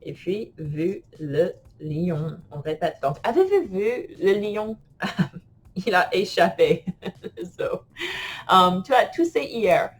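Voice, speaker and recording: A woman's voice: medium pitch, very animated, slow pace, pauses often, breathy edge. A woman teaching French grammar in an online lesson, playful and laughing often as she types and talks to herself.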